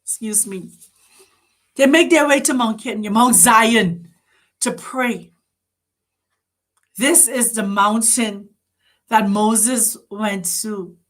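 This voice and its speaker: A woman's voice: fairly high pitch, slow, long pauses. A woman hosting, giving an impassioned spiritual address full of rhetorical questions and urgent appeals to her listeners. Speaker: host.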